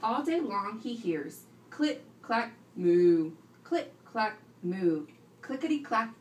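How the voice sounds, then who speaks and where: A woman with a medium-pitched voice reads slowly to a class of young children, her pitch swinging widely as she instructs, prompts them with questions, and repeats what they answer. It's a roomy, distant classroom recording with faint background noise.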